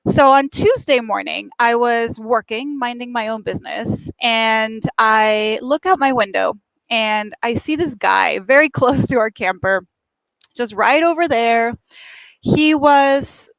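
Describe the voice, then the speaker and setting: Higher-pitched woman hosting a coaching livestream. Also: a bit bright, no room sound, poor audio. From Mexico. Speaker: host, life and career coach. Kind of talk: conversational livestream monologue and interview. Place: at a beach.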